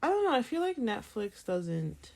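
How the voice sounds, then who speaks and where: A woman's voice: fairly high pitch, very animated, moderate pace, a little mellow. A young woman co-hosting a podcast, chatting in a jokey, chatty way. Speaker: podcast co-host. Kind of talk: casual chat.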